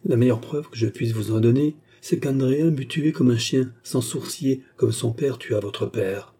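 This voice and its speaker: A man voicing a loyal, stubborn old soldier turned servant in an audiobook, with a dark, husky voice. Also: medium pitch, measured pace. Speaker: character in a read novel. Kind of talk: audiobook character reading.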